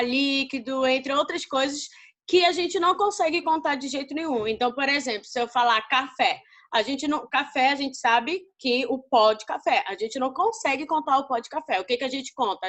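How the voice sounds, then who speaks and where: A Brazilian woman teaching an English lesson to students, explaining slowly and often checking whether they understand. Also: high-pitched, a bit bright. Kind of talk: recorded class lesson.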